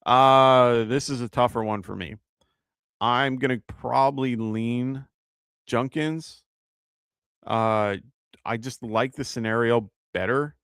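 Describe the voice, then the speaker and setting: A man's voice: mid-range voice, steady tone, a little slow, a bit bright, clear, resonant tone, dry recording, studio quality. A man with a New York accent hosting a live fantasy football show, talking casually and thinking aloud with lots of fillers as he answers viewer questions.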